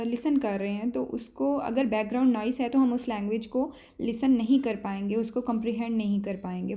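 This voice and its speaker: A woman giving a classroom-style lecture. She explains steadily, pauses with filler sounds and drops English terms into her talk. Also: fairly high pitch, dark tone.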